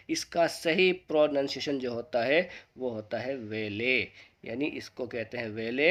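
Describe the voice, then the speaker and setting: Male tutor, middle pitch, explains step by step and drags out each right answer. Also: lo-fi sound. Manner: slows and drops low on each correct word. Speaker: English pronunciation teacher. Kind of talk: scripted lesson with quiz questions to viewers.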